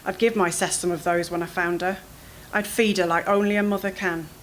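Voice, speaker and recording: A woman's voice: fairly low pitch, fairly quick, a little hiss or hum, poor audio. Woman reading fiction aloud. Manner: expressive, anxious storytelling. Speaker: author reading her fiction. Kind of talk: live reading of first-person fiction. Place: literary event, indoors.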